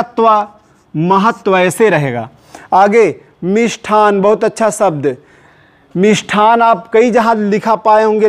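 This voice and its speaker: High-voiced, slow-talking Hindi teacher. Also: male voice. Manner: repeats each answer slowly for emphasis, quizzing the listener; recites short Urdu couplets between examples. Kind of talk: exam-prep spelling lesson.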